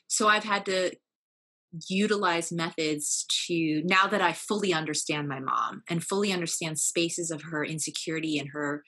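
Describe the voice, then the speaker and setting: A woman's voice: sits low, sharp tone. A young woman as a podcast guest, earnestly telling a personal family story with fillers and restarts.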